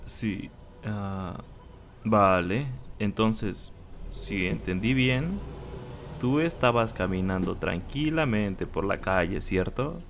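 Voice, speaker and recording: Man playing Hawks, a slow, low-voiced young hero. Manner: soothing, teasing, unhurried. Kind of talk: Spanish-language roleplay ASMR, spoken to the listener.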